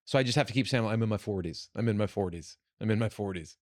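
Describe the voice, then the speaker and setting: A man's voice: on the low side, fast, darkish tone, dry recording. A man in his late forties co-hosting a podcast, joking in casual chat and reading headlines aloud for a game. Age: 40s. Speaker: podcast co-host.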